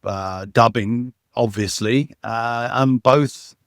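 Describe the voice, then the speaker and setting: A man of medium pitch speaks slowly as a guest in a casual interview conversation, enthusiastically rambling through stories with many restarts and fillers. He is a sound engineer and dubbing supervisor, and the recording is dry, with no echo.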